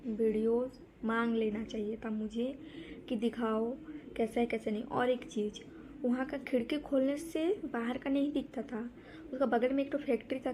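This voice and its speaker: Young woman, casual rambling storyteller, mellow voice, slightly high, faint background hiss. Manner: rambling, restarts and repeats words.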